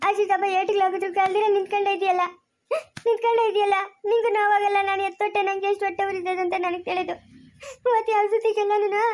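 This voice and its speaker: Woman as a harsh mother berating her little son, rural Chikkaballapur Kannada accent, very high voice, repeats her questions, family drama. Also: fairly even intonation, fast. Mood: angry scolding. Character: angry mother scolding her young son. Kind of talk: amateur family drama acting.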